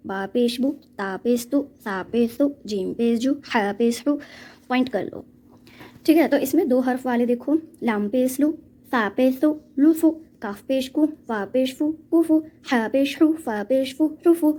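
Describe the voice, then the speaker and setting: Woman teaching recitation in a dark voice. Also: on the high side. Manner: patient, repeats "ठीक है" and drills letter sounds slowly. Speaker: Quran reading teacher. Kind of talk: step-by-step recitation lesson.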